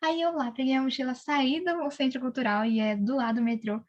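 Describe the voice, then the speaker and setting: A young woman with a Brazilian accent telling a faith testimony in casual chat, animated, with many fillers. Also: high-pitched, brisk, dull audio. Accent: Brazilian Portuguese. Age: young adult.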